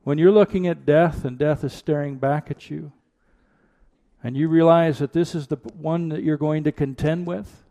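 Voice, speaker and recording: A man preaching at a pulpit microphone, his voice gravelly and mellow. He delivers an earnest church sermon and drives his points home with repeated rhetorical questions. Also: on the high side, fairly even intonation, moderate pace. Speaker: pastor. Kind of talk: sermon with prayer and scripture reading.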